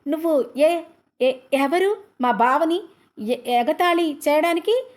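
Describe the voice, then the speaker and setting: A woman's voice: high-pitched, fairly even intonation, measured pace, darkish tone. A woman voicing a shy young bride who stammers and halts over her words. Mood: flustered.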